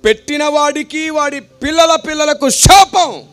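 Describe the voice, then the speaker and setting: A man's voice: very high-pitched, a little slow, fairly bright tone, no echo, voice pushed up. A preacher voicing a stern older village man who scolds and fires back challenging questions.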